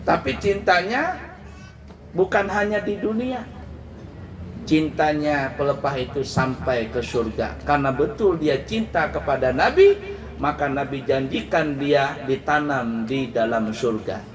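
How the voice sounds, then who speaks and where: Man, preacher, high-pitched voice, dramatic storytelling sermon. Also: unhurried. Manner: lively, dramatic storytelling, addressing the congregation.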